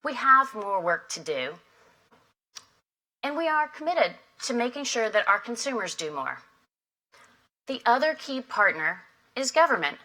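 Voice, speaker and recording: A woman delivers a formal opening keynote at a conference. Her voice is bright and clear, at a middling pitch. She speaks in a measured, emphatic way. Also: poor audio. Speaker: industry association head opening a summit. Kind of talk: prepared keynote speech. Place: conference hall.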